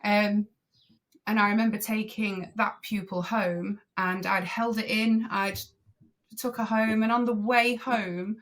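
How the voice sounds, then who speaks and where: A woman guest on a podcast, a driving instructor trainer, telling her story in a casual, animated way and acting out what people said. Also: mid-range voice, measured pace. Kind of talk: casual interview chat.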